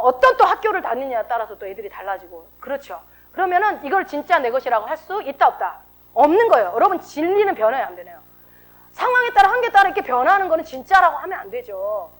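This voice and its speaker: Animated high-voiced woman pastor preaching. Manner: animated, rhetorical questions, acts out emotional outbursts. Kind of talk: sermon.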